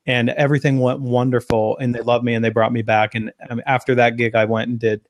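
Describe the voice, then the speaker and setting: A man, a guest on an interview, telling an animated anecdote in long run-on phrases. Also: medium pitch, a little fast, no room sound, studio quality. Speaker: interview guest, sales speaker. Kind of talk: conversational storytelling.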